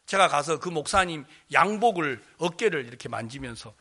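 A pastor from Jeolla preaching to a congregation, telling stories with animated acted-out dialogue and asking the listeners questions. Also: male voice, fairly high pitch, normal speed, husky. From Jeolla, South Korea. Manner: animated storytelling, acting out quoted speech, questioning the congregation. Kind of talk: sermon.

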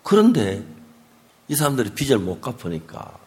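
A male pastor with a preaching a sermon, telling a testimony story in an animated way and acting out voices. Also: medium pitch, normal speed.

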